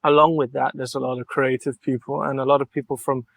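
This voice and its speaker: A young man from Mallorca, Spain, an artist in his young adult years, answers questions in a relaxed podcast interview. His mid-range voice is gravelly and a bit bright, flat in delivery and quick in pace, as he thinks aloud earnestly and reflectively in long flowing sentences.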